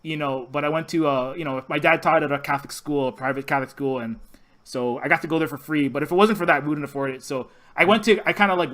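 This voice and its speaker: A podcast host from Hawaii talks in a loose, rambling way, circling back and restarting his sentences often. His voice sits a little high for a man. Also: sharp tone. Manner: rambling, halting, many restarts. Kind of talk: casual podcast chat.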